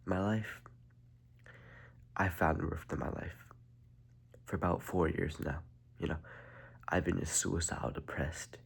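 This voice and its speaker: A teenage boy with a cold and a stuffed-up voice, talking to camera in a halting, soft way that often drops to a whisper. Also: deep voice, steady tone, gravelly, slightly rough. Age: teens. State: congested from a cold. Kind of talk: casual video monologue.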